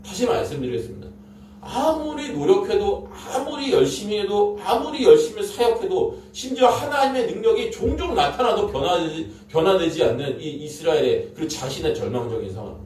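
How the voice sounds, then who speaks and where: Delivering a Korean sermon, this man speaks in a high, very animated, somewhat mellow voice at a slightly quick clip. His storytelling is dramatic and emphatic, full of repeated phrases. It's recorded in an echoey room from a distant mic with a little background noise.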